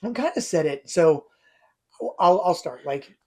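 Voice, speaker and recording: A man's voice: on the high side, animated, unhurried. A man co-hosting a casual movie discussion, arguing back and retelling scenes with disbelief. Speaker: co-host.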